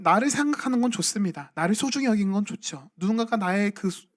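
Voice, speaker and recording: A young man, a junior pastor, preaching a sermon in a church and asking his congregation questions in a conversational way. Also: high voice. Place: church sanctuary at a midweek evening service.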